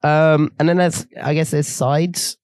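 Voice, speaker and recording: A man's voice: on the high side, little pitch movement, measured pace, a little mellow, no echo, clean studio sound. A man co-hosting a podcast, joking and rambling in casual drunken chat. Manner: jokey, giggly, rambling. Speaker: podcast co-host. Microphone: studio mic.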